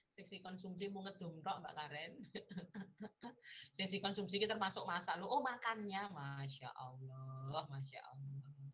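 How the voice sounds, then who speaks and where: A woman's voice: medium pitch, a little slow, long pauses, fairly bright tone. A woman lecturer with a Javanese accent, chatting playfully with her students on a video call, laughing often and teasing. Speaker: university lecturer. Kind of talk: casual chat with students in an online class.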